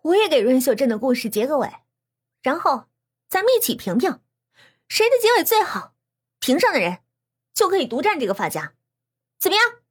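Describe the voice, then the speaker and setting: A woman voicing a petulant, greedy schoolgirl who stammers and shouts high and loud. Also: very animated, brisk, pauses often. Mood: scheming. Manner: stammering, shrill and insistent. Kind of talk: storybook narration.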